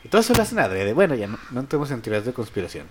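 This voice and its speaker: A young Mexican man co-hosting a podcast in fast, slangy casual chat. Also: mid-range voice, sing-song, background noise. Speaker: podcast co-host.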